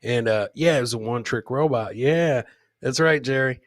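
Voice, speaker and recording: A man hosts a live comedy podcast, rambling informally as he introduces clips, riffs on them and reads viewer comments. His medium-pitched voice moves at a normal speed, captured in clean studio sound with no room noise.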